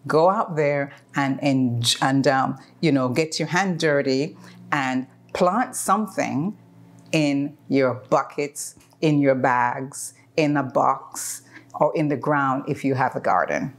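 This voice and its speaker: A woman in her fifties talks through a home cooking demonstration in her kitchen. Her voice sits low, and she chats easily as she works, with plenty of ums and restarts. The camera sits close in front of her. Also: slow pace. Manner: chatty, explains as she works, frequent ums. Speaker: cooking channel host.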